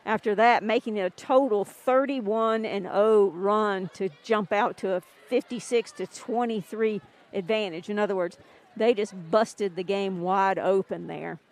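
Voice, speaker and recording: A woman's voice: medium pitch, a little mellow. A woman radio sports announcer filling air time during a game delay, chatting and rattling off scores and player stats.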